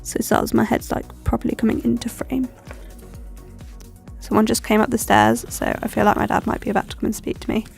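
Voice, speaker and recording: A slightly high, level-toned female voice with vocal fry, moving a little fast over soft music. The young woman, stuffed up with a cold, chats through her planner decorating for a plan-with-me video, full of ums and tangents.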